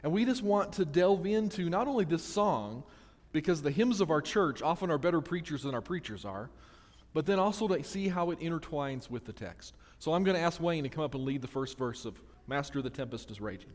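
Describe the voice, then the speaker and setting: A man with a fairly high voice and lively intonation preaches to his church at a fairly quick pace. His casual, self-deprecating sermon often has restarted sentences. He's in a church sanctuary on a handheld or stand mic, with long church reverb on the recording.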